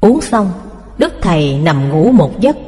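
Casting: woman narrator, lively melodic reading, long hall reverb. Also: fairly low pitch, measured pace. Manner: expressive storytelling, voices the characters. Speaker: storyteller. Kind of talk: scripted narration.

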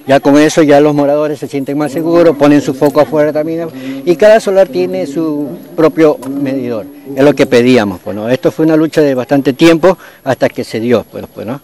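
A man with an Ecuadorian Spanish accent, a community leader giving an impromptu speech at a local event, halting and often tagging his sentences with a questioning "right?". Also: on the high side, mellow. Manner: halting, repeats "pues, ¿no?".

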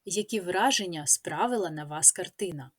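A woman teacher with a Ukrainian accent, reading a scripted lesson in a measured way and listing words one by one. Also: lowish voice.

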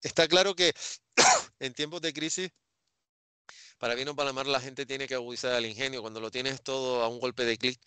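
A middle-aged man from Spain with a bright, crisp voice, speaking over a headset on a video call. He picks his way through his thoughts with restarts and small hesitations. The sound is dry and close. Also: mid-range voice, fairly even intonation, normal speed, no room sound. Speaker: interviewer. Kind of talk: casual video-call interview. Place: home room with bookshelves.

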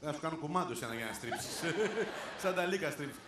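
A man's voice: a little high, lively intonation. A male comedian hosting a live stage show, calling up audience volunteers and teasing them playfully, often laughing. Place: large theater stage with audience. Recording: echoey live theater with crowd noise.

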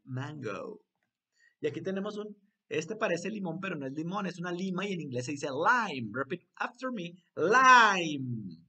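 A man teaches young children English in an online lesson, moving between two languages. He speaks slowly, repeating each word so the children can echo it. His voice leaps around in pitch and has a bright, playful edge. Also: husky.

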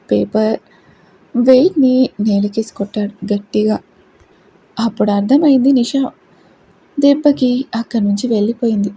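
A woman narrating a romance story aloud as the channel's regular reader, in a gentle, even storytelling manner. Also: fairly high pitch, breathy edge, rough recording.

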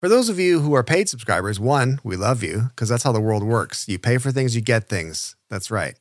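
A man hosting a podcast, relaxed and a bit halting as he wraps up the show. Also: medium pitch, no room sound, clean studio sound. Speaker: podcast host. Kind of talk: casual podcast chat.

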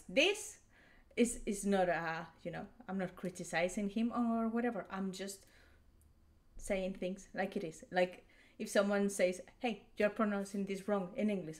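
A young woman from Spain talks in English with a Spanish accent, in the easy, chatty way of a reaction video host. She explains things as she goes, restarts her sentences often and lets small laughs slip in. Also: medium pitch. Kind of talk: casual commentary.

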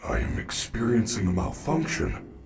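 A man voicing a gentle, polite caretaker robot bear in a video game, speaking calmly and formally. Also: mid-range voice, slight background noise, close to an everyday voice. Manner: calm, formal, measured robotic speech. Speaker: animatronic mascot character.

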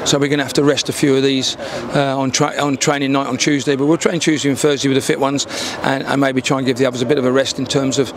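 A football manager in his sixties gives a candid post-match interview into a handheld mic, standing outdoors by a dark wall at the ground. His mid-range voice is flat and quick with few pauses, he often repeats words as he restarts, and background noise is present.

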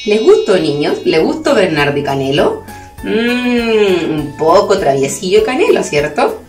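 A Chilean woman, a preschool educator, tells a picture-theater story to small children. Her delivery is sing-song and lively, with pitch rising and falling constantly. The room is echoey, with soft music in the background. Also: a little slow. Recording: roomy room with faint music.

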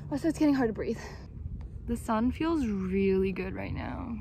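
Music plays behind a vlogger, a young adult woman chatting playfully and casually with giggles and exclamations. She speaks in an expressive mid-range voice at a moderate pace.

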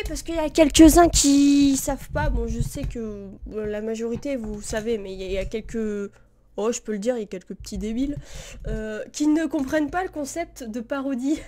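A woman's voice: high voice, a little mellow. A young woman live-streaming reaction commentary, talking casually and rambling, with many fillers and frequent laughs. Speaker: streamer reacting to parody videos.

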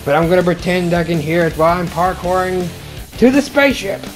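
A young man giving excitable, casual commentary as he plays a game, talking to himself and his viewers. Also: high voice, fairly quick, soft background music. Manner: excitable, talks to himself and viewers, shouts when he falls. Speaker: gaming video host.

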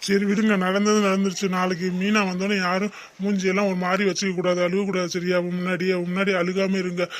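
Man doing a reassuring cartoon husband, high voice, dead flat, rapid, faint noise behind. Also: lightly acted. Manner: reassuring, matter-of-fact. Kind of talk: animated cartoon dialogue.

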